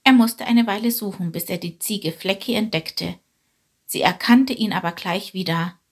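A woman calmly narrating a children's storybook. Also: mid-range voice, normal speed, slightly rough.

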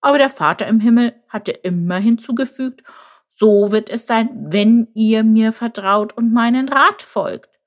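A woman's voice: a little high, measured pace, pitched above the performer's own voice, natural voice. A woman voicing a small, clever male jackal who tells tales in a knowing, slightly scornful way. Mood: wistful. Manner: knowing, leisurely storyteller.

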